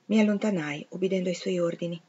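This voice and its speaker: A woman's voice: fairly low pitch, slightly rough. Woman reading a classic novel aloud. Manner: steady, measured narration. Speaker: audiobook reader. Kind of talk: literary reading in first person. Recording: slightly dull lo-fi recording.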